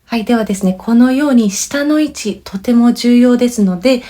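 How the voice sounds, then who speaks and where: A woman's voice: on the high side, fairly quick, warm tone. Patient Japanese woman teaching pronunciation. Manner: clear, patient explaining with demonstrated words. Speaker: language teacher. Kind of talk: bilingual pronunciation lesson.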